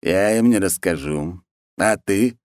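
A man's voice: sits low, slow, darkish tone, smooth, no room sound, clean studio sound, pitched above the performer's own voice. Bloated capricious ruler, lazy and petulant, barks orders; male reader putting him on. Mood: bossy. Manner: lazy, peevish, bossy. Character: fat lazy cruel male khan, pompous and capricious.

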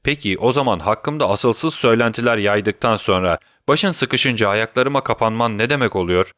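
A man's voice: fairly low pitch, moderate pace, fairly bright tone, no room sound, clean studio sound, natural voice. A man voicing a sly, gloating doctor villain in an audiobook, mocking and taunting his victim. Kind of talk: audiobook character voice.

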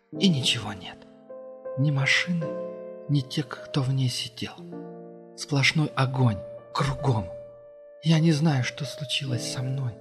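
A male reader voicing an ancient, sorrowful being in a little girl's body, speaking quietly and slowly, in an audiobook. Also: medium pitch, big-room sound, natural voice.

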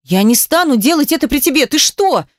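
A woman's voice: medium pitch, lively intonation, measured pace, a little mellow, no echo, studio quality, close to an everyday voice. A woman voicing a distraught young wife in an audiobook, strained and pleading.

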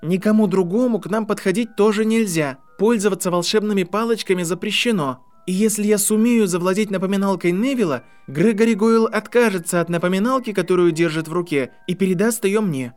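A man's voice: high voice, brisk, hardly any pauses, darkish tone, faint music behind, voice pushed up, close to an everyday voice. A man reading an audiobook, voicing a clever, bold boy wizard who speaks with urgency. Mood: announcing. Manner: urgent, commanding.

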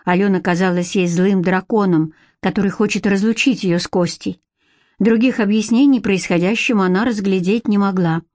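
A woman's voice: medium pitch, fairly even intonation, normal speed, darkish tone, no echo. Woman narrator, dry close studio read. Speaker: audiobook narrator. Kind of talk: scripted narration.

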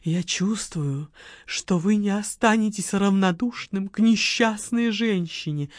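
A woman's voice: mid-range voice, a little slow, no echo, clean studio sound, natural voice. A woman voicing a theatrical, self-pitying widow who pleads and sighs melodramatically. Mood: dramatic pleading.

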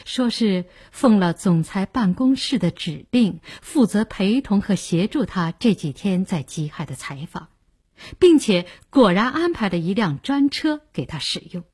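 A woman narrating an audiobook in an expressive storytelling manner, with a breathy voice. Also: medium pitch, unhurried. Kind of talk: scripted narration.

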